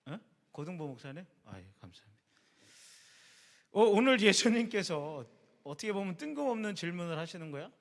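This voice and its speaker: A man's voice: sits high, big pitch swings, fairly quick, long pauses. A man preaching a casual sermon as a youth group pastor, chatty and quizzing his listeners by name, in a church sanctuary. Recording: long reverb of a church hall.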